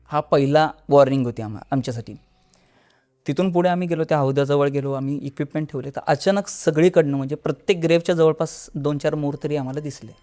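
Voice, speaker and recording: A man with a Marathi accent, a podcast guest telling his own horror experience and acting out the dialogue in a lowered voice. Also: fast, darkish tone.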